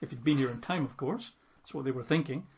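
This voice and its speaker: A man's voice: medium pitch, fast, darkish tone, husky. A man teaching from the Bible, reading the passage aloud and breaking off into conversational commentary with fillers and asides. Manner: conversational asides with fillers, dramatizes quoted lines.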